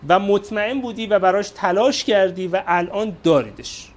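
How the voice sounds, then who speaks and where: A man leading a motivational workshop, talking casually to a group and putting questions straight to his listeners. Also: high-pitched. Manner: conversational, addresses listeners directly with questions.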